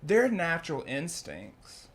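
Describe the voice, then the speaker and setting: A young man, a farmer chatting casually as a guest, relaxed and full of fillers. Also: fairly high pitch, slow. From Louisiana, US. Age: young adult. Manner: laid-back, says "man" often, many fillers. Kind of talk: casual conversation.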